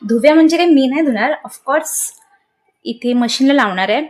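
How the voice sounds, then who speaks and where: Young female vlogger, high-pitched and chatty, light background noise. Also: animated, normal speed. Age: young adult. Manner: chatty, addresses viewers directly. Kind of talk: casual vlog narration.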